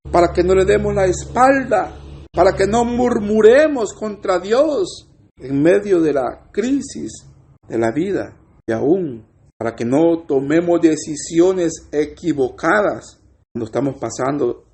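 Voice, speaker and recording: A man's voice: on the high side, lively intonation, takes it slowly, vocal fry, a little mellow. A man from El Salvador with a Salvadoran Spanish accent, preaching an earnest sermon and addressing his listeners as brothers.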